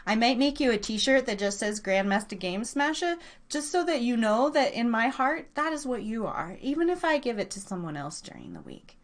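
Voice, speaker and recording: Here a woman hosting live trivia keeps things casual and excitable, teasing her audience playfully and elongating words for effect. Her voice sits a little high and moves at a moderate pace.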